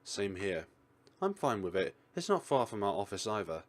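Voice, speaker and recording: Over game music, a man reads a visual novel aloud as let's-play narration, his voice on the low side with big pitch swings at a moderate pace. The reading is expressive, though he stumbles over a line now and then.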